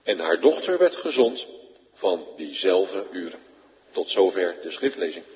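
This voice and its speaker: A minister reads scripture in a slow, solemn, measured way. His voice carries a long reverb through a church hall. The recording sounds dull and muffled. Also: low-pitched, sing-song, a little hiss or hum. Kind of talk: formal church scripture reading.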